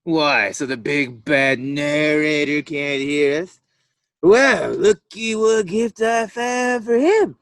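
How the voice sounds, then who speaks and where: An actor playing a bitter, self-pitying drunk wolf in a comic radio play, slurred and sarcastic. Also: male voice, on the high side, slow pace, a bit bright, dry recording, studio quality. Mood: sarcastic, exasperated.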